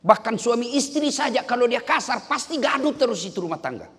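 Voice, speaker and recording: A man giving a lively, humorous sermon, jumping up in pitch for punchlines and now and then breaking into song. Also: fairly quick. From Indonesia. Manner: animated, jumps high in pitch for punchlines, sings snatches of songs. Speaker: preacher. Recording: hall reverb.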